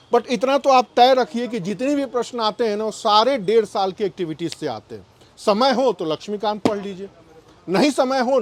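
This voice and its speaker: A man, an exam coach giving emphatic advice to students and listing topics in short bursts. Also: sits high.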